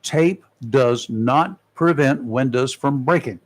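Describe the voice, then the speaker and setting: Guy hosting talk radio, mid pitch, reads tips and throws in wisecracks. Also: takes it slowly. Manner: folksy, adds joking asides while reading. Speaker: radio talk show host. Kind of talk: casual radio talk and read-out segment. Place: radio studio.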